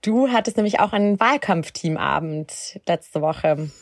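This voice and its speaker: Low-voiced woman co-hosting a casual podcast, friendly, dry recording. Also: animated, a little slow, dry recording. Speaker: podcast co-host.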